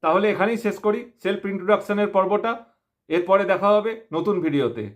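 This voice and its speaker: A man's voice: sits high, fast. A man with a West Bengal Bengali accent introducing himself to viewers as a channel host, speaking through a face mask. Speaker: YouTube opinion channel host. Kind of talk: self-introduction talk to viewers.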